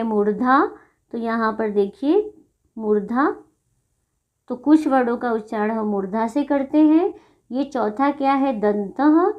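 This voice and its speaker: A woman teacher explaining a lesson slowly and patiently, repeating each sound so pupils can copy it. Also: on the high side, dull audio.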